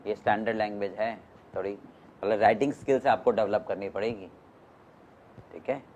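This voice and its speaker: A man's voice: fairly low pitch, a little fast, a little mellow, slight background noise. A man teaching a class, mixing Hindi and English, often stopping to question his students. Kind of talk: classroom lecture.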